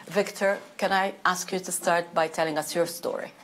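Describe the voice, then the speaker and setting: Low-voiced woman moderating a panel. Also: steady tone, a bit bright. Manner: measured, with frequent filler "uh". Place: conference hall panel.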